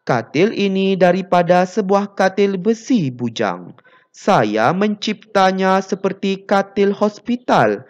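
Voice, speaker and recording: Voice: medium pitch, big pitch swings, slow pace, voice pushed up. Teacher reading as a modest welder-inventor.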